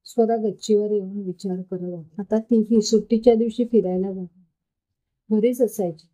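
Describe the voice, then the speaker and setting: A woman reading an emotional story aloud, narrating and speaking the characters' lines gently. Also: medium pitch, fairly even intonation, moderate pace, rough recording.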